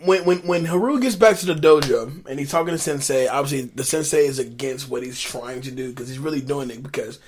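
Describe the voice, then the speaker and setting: A man co-hosting a casual movie recap chat, easygoing and agreeable, often trailing off quietly. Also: medium pitch, a little fast, few pauses, breathy edge. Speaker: co-host of a movie recap show.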